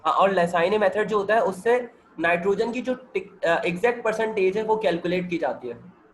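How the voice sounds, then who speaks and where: A chemistry teacher with a sore throat and a cold sounds hoarse as he solves multiple-choice questions with a student over a video call. His voice is fairly high and his pace normal, and he goes step by step, repeatedly checking that the student is following. The audio quality is poor, with slight background noise.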